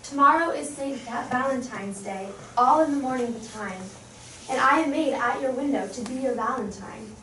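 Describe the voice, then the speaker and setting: Recorded at a distance in an echoey hall with a faint hiss or hum, this actress has a high-sitting, fairly bright voice and speaks at a normal pace. In a verse drama, she portrays a grief-crazed young noblewoman who is distracted and wandering, slipping in and out of snatches of song.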